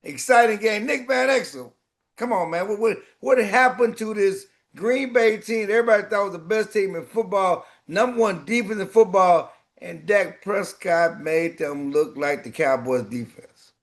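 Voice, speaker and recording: Higher-pitched man arguing about sports. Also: normal speed. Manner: animated, argumentative, emphatic repetition. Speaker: sports show host. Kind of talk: casual sports debate.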